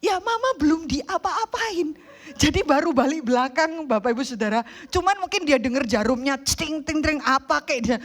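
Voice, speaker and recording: High-voiced woman preaching a lively sermon. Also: moderate pace. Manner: animated storytelling, acts out quoted voices.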